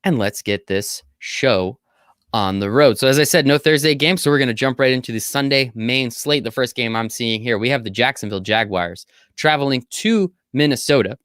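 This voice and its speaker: Guy hosting a betting podcast, jokey and hyped, mid pitch, dry close mic. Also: normal speed, clear, resonant tone, dry recording. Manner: energetic, jokey, swears casually. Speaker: podcast co-host. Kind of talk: casual sports betting chat.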